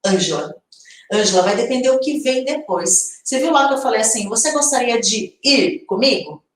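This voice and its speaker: A Brazilian woman teaching English in a live online lesson, explaining slowly and checking in with her viewers. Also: a little high, lively intonation, heavy reverb, distant mic, poor audio. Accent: Brazilian Portuguese.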